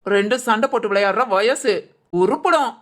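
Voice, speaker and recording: A woman's voice: on the high side, expressive, moderate pace, lightly acted. A woman voicing a bossy middle-aged village mother-in-law who scolds and threatens the young couple in a cartoon. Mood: exasperated. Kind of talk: cartoon voice acting.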